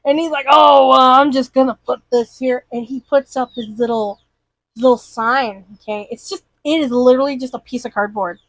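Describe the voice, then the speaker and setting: A woman's voice: high-pitched, fairly even intonation, normal speed, fairly bright tone, no echo, low-quality recording. A woman in casual chat, animatedly retelling a cartoon and acting out the characters' lines. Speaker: podcast co-host.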